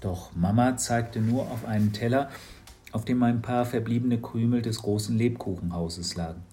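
A man reading a children's book aloud, telling the story in a lively, engaging way. His delivery is even-handed and clear, in the manner of a practised storyteller. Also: mid-range voice, moderate pace, a little hiss or hum. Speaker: narrator. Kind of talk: children's audiobook narration.

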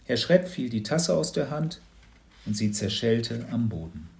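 A man reading a children's storybook aloud in a lively, expressive manner. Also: mid-range voice, unhurried, vocal fry. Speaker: narrator.

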